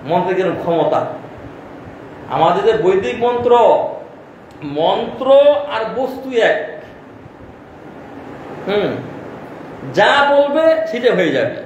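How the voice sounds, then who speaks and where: High-voiced male preacher in an echoey hall. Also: animated, slow pace, pauses often. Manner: rhetorical questions answered himself, frequent affirming fillers. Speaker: monk preacher. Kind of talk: devotional storytelling sermon. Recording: echoey distant mic with faint noise.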